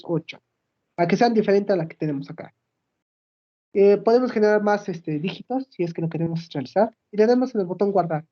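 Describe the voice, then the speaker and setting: Woman walking through a software demo. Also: medium pitch, muffled recording. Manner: explains step by step, checks in with "¿sí?". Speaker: student presenting a project. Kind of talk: screen-recorded software demo.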